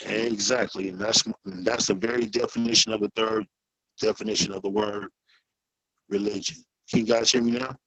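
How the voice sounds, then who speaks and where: A man speaks in a husky, bright voice over a video call whose audio keeps chopping up and breaking apart. He talks in a measured, questioning way, and his words come through close and dry. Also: lowish voice, steady tone, no room sound, poor audio. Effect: choppy, breaking-up internet call audio. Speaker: debate participant. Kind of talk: casual online discussion.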